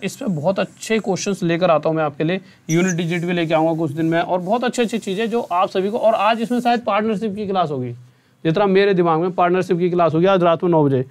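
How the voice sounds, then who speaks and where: A man's voice: sits high, darkish tone. Chatty, earnest young male teacher. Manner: chatty and earnest, often asks "theek hai?". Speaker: online exam-prep math teacher. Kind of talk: casual talk to students at end of an online class.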